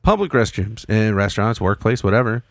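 A man's voice: lowish voice, sing-song, brisk, no echo, studio quality. A man co-hosting a podcast in casual chat, joking around and giving mock-serious rants. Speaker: podcast co-host.

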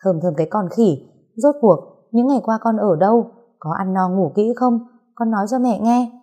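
A woman voicing a frantic, emotional young mother in a storybook reading, loud, scolding and tearful. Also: on the low side, expressive, normal speed, slightly rough.

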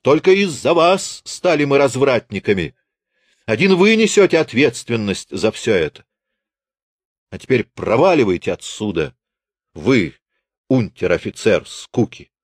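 A man's voice: mid-range voice, animated, a little slow, dry recording, clean studio sound, pitched above the performer's own voice. A man voicing a brash young man who mocks his old teacher in a theatrical, scornful way in an audiobook.

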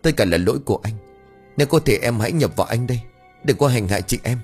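A worried young husband pleads and calls out in an audio story, voiced by a male narrator. His husky voice rises higher than the narration and carries anxious urgency. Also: lively intonation, fast, soft background music. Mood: anxious pleading.

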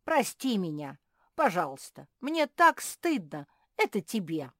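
A woman voicing a fussy, excitable mother hedgehog in a children's storybook reading, with a loud, pleading manner. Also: mid-range voice, measured pace, no echo, studio quality, voice pushed up.

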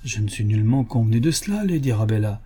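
A man's voice: lowish voice, lively intonation, quick pace, mellow, breathy edge. A man reading a firm, indignant old country doctor. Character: stubborn, principled country doctor, older man.

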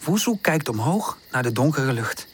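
Expressive woman reading a children's storybook. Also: a bass voice, normal speed, husky. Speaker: audiobook narrator.

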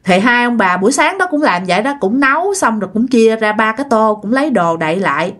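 A woman's voice: on the high side, expressive, brisk, fairly bright tone. A woman telling a ghost story in a chatty, casual way, speaking straight to her listeners. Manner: chatty, addresses listeners directly.

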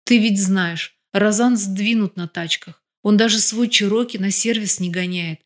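A sharp-tongued wife, blunt and ironic, as a woman reader voices her. Her talk is plain and cool, and it stays just as pointed when she turns serious. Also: medium pitch, a little slow, close to an everyday voice.

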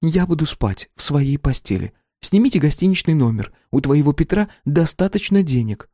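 A man voicing a tired, principled young woman who talks in a sharp, defensive way. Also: a little high, big pitch swings, moderate pace, no echo, clean studio sound, voice pushed up. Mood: irritated.

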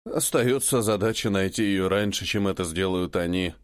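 A man voicing a serious, practical male rebel who speaks in a sober, deliberate way. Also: low-pitched, clean tone, no room sound, clean studio sound, voice pushed down, lightly acted.

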